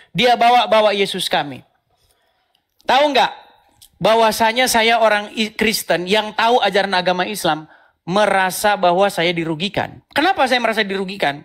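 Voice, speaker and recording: Man, debate host, fairly high voice, mocking, laughs a lot, repeats phrases. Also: sharp tone. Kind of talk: provocative debate commentary.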